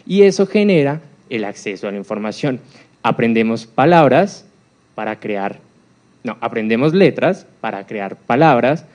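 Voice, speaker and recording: Man at mid pitch, lecturing a university crowd and drawing them in with questions. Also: sing-song, moderate pace, a little mellow. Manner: engaging, quizzes the audience with questions. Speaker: speaker on accessibility for deaf people. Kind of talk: live talk to an audience.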